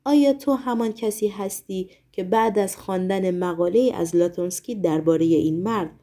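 A man's voice: high voice, warm tone, lightly acted. A woman voicing a sly male demon henchman with a nasal, accusing way of talking.

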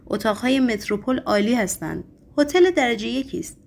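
A woman's voice: a little high, animated, gravelly, darkish tone. A woman voicing a nervous male editor who humors a madman, stammering and placating, in a storybook reading.

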